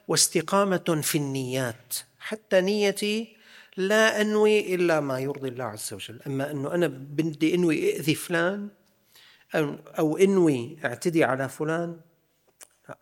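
A man's voice: a little high, expressive, a little fast. A man giving a religious lesson, emphatic and full of repeated rhetorical questions. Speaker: religious teacher.

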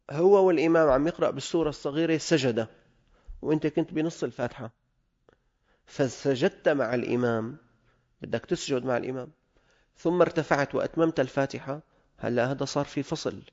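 A man's voice: medium pitch, fairly quick, long pauses, a little mellow, dull audio. A man with a Levantine Arabic accent, teaching religious law. He reads a classical text aloud and explains it in dialect.

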